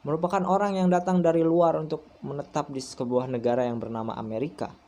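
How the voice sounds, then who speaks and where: A man's voice: a little high, fairly even intonation, fast, warm tone. A young man in his twenties, a university student giving a recorded class presentation, speaking hesitantly with frequent fillers and restarts. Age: 20s.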